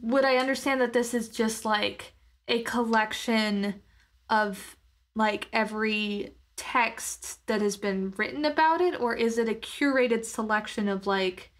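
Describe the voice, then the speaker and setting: A little high and steady in tone, she speaks unhurriedly as she lays out what her tabletop RPG character will do. The delivery is casual yet hesitant, as though she's thinking aloud and hunting for words.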